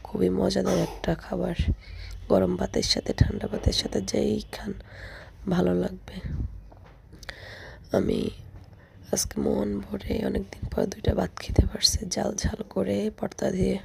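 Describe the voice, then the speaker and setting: A woman, hoarse from a cold, chatting to her viewers as friends in a casual food voice-over. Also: medium pitch, darkish tone, a little hiss or hum. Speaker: food vlogger.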